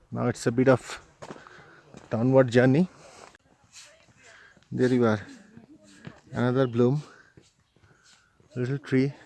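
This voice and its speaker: Male travel vlogger, mid pitch, casual walk-and-talk on a mountain trail, phone-recorded outdoors. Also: dark tone, slight background noise. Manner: chatty, thinking aloud while hiking. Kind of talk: casual walking commentary. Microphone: handheld phone camera.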